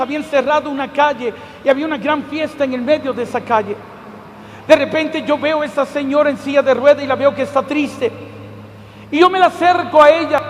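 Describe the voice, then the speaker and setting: A man's voice: very high-pitched, slight background noise. A man preaching a sermon, telling a testimony with emphatic delivery and repeated calls of "my dear brother". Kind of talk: storytelling sermon. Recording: long reverb of a large hall.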